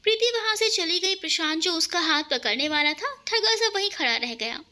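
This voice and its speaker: A woman narrating a romantic family story and voicing every character herself. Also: normal speed. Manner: lively, shifts pitch for each character.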